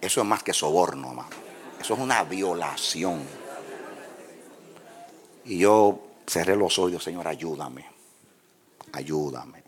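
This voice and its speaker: Deep-voiced preacher, lively storyteller who acts out dialogue. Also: male voice, measured pace, long pauses, some chatter behind. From Dominican Republic. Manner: lively storyteller, acts out dialogue and laughs at his own stories. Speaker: pastor. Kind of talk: sermon with personal anecdotes.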